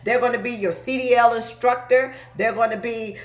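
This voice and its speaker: A woman's voice: on the high side, fairly even intonation, normal speed, reverberant. A woman in her forties giving an emphatic motivational talk to viewers, often checking in with "okay?". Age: 40s. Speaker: truck driver and recruiter.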